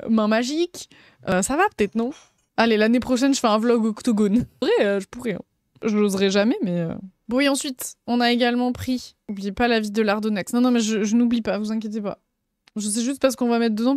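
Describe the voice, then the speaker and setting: Excitable young woman streamer. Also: on the high side, brisk, no echo, clean studio sound. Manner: gushing, excitable, lots of fillers. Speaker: streamer showing convention purchases. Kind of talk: casual live stream chat.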